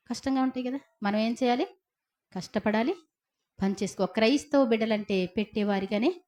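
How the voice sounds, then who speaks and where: A woman's voice: a little high, darkish tone. A middle-aged woman preaching a sermon in a chatty, storytelling way, often asking her listeners questions. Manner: conversational preaching with rhetorical questions and tag questions.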